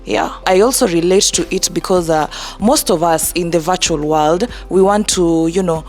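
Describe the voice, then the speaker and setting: A young woman from Kenya, a youth advocate speaking in an earnest, measured way in a group discussion. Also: fairly low pitch, a little mellow, soft background music. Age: young adult.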